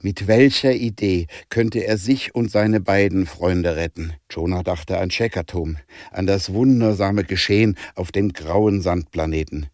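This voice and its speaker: A man narrating an audiobook in a calm, measured way. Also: sits low, dry recording, clean studio sound.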